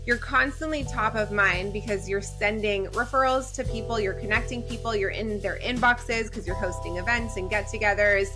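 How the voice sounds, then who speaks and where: A woman in her thirties, from Israel, speaking as a podcast guest in an energetic, conversational way. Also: mid-range voice, normal speed, few pauses, over music. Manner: energetic, conversational, says "like" often. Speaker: guest, community founder. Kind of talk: podcast interview.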